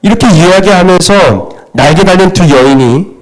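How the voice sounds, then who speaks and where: A middle-aged man preaching a Sunday sermon in a church. His voice sits a little high and swings widely in pitch. He keeps asking the congregation questions and answering them himself. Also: lively intonation, moderate pace. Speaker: pastor. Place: church sanctuary.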